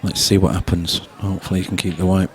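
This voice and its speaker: A man commentating on snooker in a relaxed, chatty way, laughing easily. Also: deep voice, fast talker. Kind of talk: relaxed live sports commentary.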